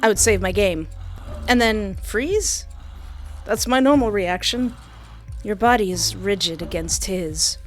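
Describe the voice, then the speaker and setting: A woman streamer plays a dating simulator in a let's-play, alternating between reading narration aloud and playful, exclamatory reactions. Her mid-range voice is unhurried, and game music plays behind her.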